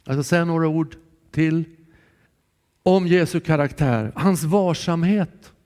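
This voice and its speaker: Male preacher, higher-pitched, earnest sermon delivery, long church reverb. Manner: calm, earnest, shifting between soft and raised voice.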